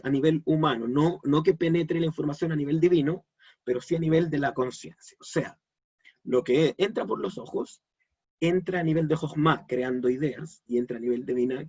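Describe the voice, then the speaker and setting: A man's voice: fairly high pitch, darkish tone, husky, muffled recording. A man giving a live online Kabbalah lesson, explaining step by step and checking in with his audience. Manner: explanatory, asks the audience questions. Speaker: Kabbalah teacher.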